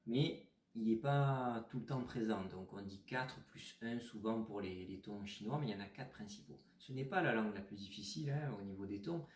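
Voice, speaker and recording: A man's voice: fairly low pitch, distant mic. Man teaching tones in a roomy space. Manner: patient, explanatory, models tones slowly. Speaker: Chinese teacher. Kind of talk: pronunciation lesson.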